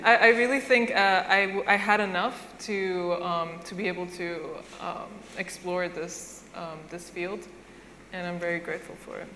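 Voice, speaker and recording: Young woman student panelist, hesitant, lowish, hall reverb. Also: fairly even intonation, normal speed, bright, forceful tone, slight background noise. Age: young adult. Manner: grateful, hesitant, with many fillers. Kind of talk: panel discussion. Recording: hall reverb with faint ambience.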